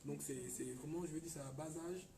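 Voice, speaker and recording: A gravelly, slightly high voice comes from an Ivorian radio guest who talks fast in a casual chat, hesitating, repeating words and stressing points now and then. He's recorded from far off in an echoey room with faint noise.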